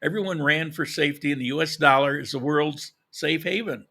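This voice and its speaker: Talking fairly quickly, a man addresses viewers of his casual livestream in a relaxed, conversational manner. As a live podcast host, he has a gravelly voice that is fairly high, very bright and forward.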